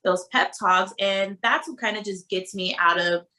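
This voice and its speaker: Bright, animated woman telling stories. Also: mid-range voice, moderate pace. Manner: animated storyteller, acts out dialogue, heavy use of "like". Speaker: interview guest. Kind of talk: casual conversational interview.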